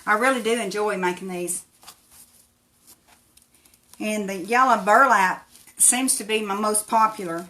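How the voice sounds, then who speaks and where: Tennessee lady w appalachian hillbilly accent, bright voice, folksy craft live chat. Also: mid-range voice, measured pace, long pauses. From Tennessee, United States. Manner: folksy, chatty, thanks viewers by name. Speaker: craft tutorial livestream host. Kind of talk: casual live craft demonstration, greeting viewers.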